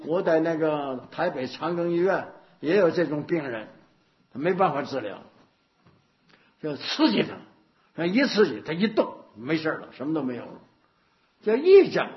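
Buddhist teacher, male, animated and higher-pitched delivery, anecdotal sermon style, lo-fi recording. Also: normal speed. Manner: anecdotal, repetitive, rhetorical questions. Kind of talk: dharma talk. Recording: dull lo-fi recording.

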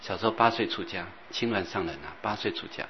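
A man teaching as a Buddhist master, rambling and repeating himself, sometimes chanting softly. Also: lowish voice, fast. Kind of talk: dharma talk. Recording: dull lo-fi recording with faint hiss.

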